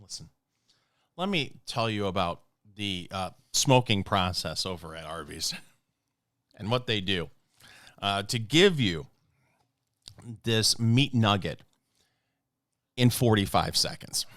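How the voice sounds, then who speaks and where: A man co-hosting a podcast, joking in a mock-serious deadpan. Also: lowish voice, slow, long pauses, no room sound, studio quality. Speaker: podcast co-host. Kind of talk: casual comedic banter.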